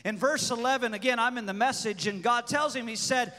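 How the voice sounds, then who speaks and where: A man's voice: very high-pitched, brisk, pushed and bright. A man preaching a rousing charismatic sermon, emphatic and repetitive in his exhortation. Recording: reverberant hall sound.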